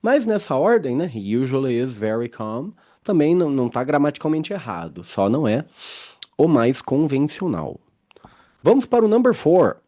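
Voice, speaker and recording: A man teaching an English grammar lesson, explaining patiently, reading example sentences slowly and often checking in with his students. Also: on the high side, very animated, dark tone.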